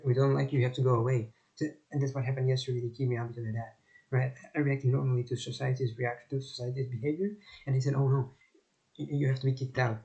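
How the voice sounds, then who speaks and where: Fast, gravelly-voiced insistent man. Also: mid-range voice, dark tone, muffled recording. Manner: insistent, emphatic, repeats himself. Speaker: vlogger. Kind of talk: unscripted monologue to camera.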